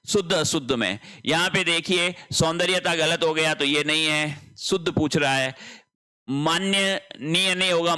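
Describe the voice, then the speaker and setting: A male teacher with a bright, fairly high voice walks through exam questions one by one. He explains each answer patiently and keeps reminding his students to take note. He draws out key words slowly to stress them. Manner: explains step by step, often repeating "dhyan rakhen". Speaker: Hindi teacher. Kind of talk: exam paper solution lesson.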